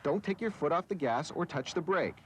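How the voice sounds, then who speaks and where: A man narrating a TV news segment in a crisp, measured reporter style, heard from a worn tape copy. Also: on the high side, expressive, a little hiss or hum.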